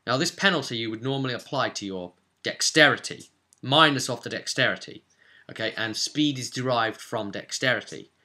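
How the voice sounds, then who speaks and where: Speaking at medium pitch and a moderate pace with a sharp tone, a man presents a tabletop roleplay primer. He walks a newcomer through the rules conversationally, keeping it chatty and tossing in "okay?" and "right?" to check in.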